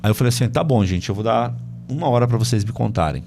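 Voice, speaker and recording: Male podcast host, middle pitch, casual storyteller who voices his family's lines, music under. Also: lively intonation, fast, vocal fry, a little mellow. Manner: conversational, many fillers, acts out family dialogue. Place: home podcast studio.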